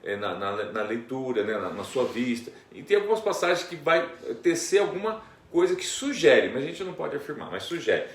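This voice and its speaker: A man's voice: mid-range voice, big pitch swings, fairly quick, few pauses. Man teaching a Bible study, distant echo. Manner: explanatory, many tag questions. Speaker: pastor. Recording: echoey room, distant mic.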